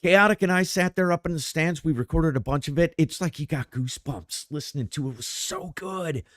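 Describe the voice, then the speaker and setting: On the high side and fairly quick, the voice belongs to a middle-aged podcast co-host in a casual chat. He's animated and rambling, restarting sentences often, and the studio-quality recording has no echo.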